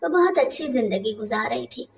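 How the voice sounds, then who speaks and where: A woman narrating a first-person family story in a steady, confiding way. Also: a little high, a little fast, gravelly, recorded from a distance.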